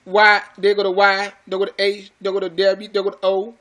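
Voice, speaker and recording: Emphatic high-voiced man preaching scripture. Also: monotone, a little fast, bright, forceful tone. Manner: preachy, emphatic, repeats phrases; addresses listeners as brothers and sisters. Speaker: religious teacher. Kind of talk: scripture teaching to followers.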